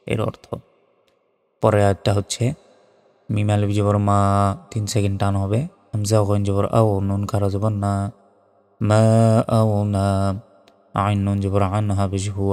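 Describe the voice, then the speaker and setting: A man teaching Quran reading with a Bangladeshi Bengali accent, spelling out each letter slowly and then chanting the verse. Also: fairly low pitch. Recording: studio voice with long reverb and soft music.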